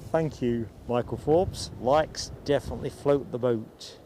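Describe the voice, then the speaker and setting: This mellow, mid-range male voice moves a little slowly as he chats casually on an outdoor live stream by an airport and reads out comments from viewers. Clear background noise comes through, including outdoor ambience and passing vehicles.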